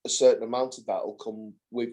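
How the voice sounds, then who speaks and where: A man's voice: medium pitch, level tone, fairly quick, mellow. A man in his forties, a carer taking part in a support group on a video call, talking hesitantly and often repeating words as he restarts. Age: 40s. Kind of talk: casual group chat.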